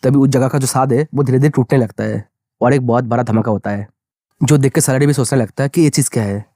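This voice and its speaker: Fast-talking male story narrator. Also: medium pitch, dark tone, no echo, clean studio sound. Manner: brisk, conversational narration. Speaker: manga recap narrator. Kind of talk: storytelling recap.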